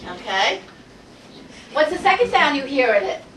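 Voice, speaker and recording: A woman teaching a Hebrew phonics lesson to a class, energetic and coaxing, asking the group question after question. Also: high voice, moderate pace. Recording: roomy classroom audio from far off.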